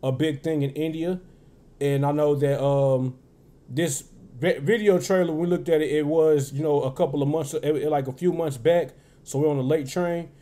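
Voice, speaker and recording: A man's voice: on the high side, steady tone, normal speed, warm tone. A man from Arkansas, hosting a casual reaction video with loose, laid-back talk full of fillers. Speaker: reaction channel host. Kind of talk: casual chat.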